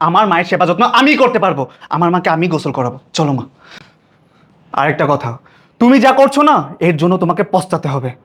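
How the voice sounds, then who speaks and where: A man's voice: sits high, sing-song, fast, fairly bright tone, heavily acted. A man playing a stern young husband who scolds his wife for neglecting his sick mother in a short-film drama. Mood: scolding. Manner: commanding, scolding.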